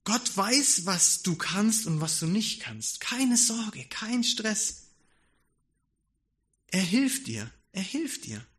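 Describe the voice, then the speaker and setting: A man's voice: sits high, sing-song, slow pace, fairly bright tone. A man preaching a conversational sermon in an informal, musing way. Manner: informal, musing, acts out quoted speech.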